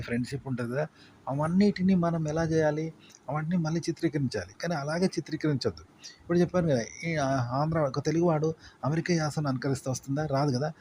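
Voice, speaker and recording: A man's voice: fairly high pitch, dark tone, slight background noise. A man explaining in a casual, rambling spoken lesson, repeating points with fillers. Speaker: content creation teacher.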